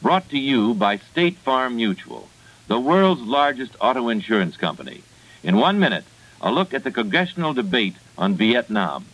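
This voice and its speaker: A man's voice: mid-range voice, very animated, moderate pace, a bit bright, poor audio. An American man announcing programs and sponsors in the style of 1960s network radio.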